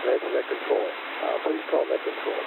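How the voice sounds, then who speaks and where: A gravelly man runs a ham radio net in a steady, procedural way, heard over a tinny radio channel full of static hiss. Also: mid-range voice, moderate pace. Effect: over an amateur radio link with heavy static. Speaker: net control operator. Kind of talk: running an amateur radio net.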